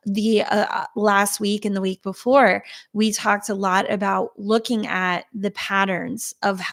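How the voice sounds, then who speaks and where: A woman speaking unscripted as a spiritual guide, halting with searching pauses and gently instructing her listeners. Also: medium pitch. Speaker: spiritual guide giving an energy reading.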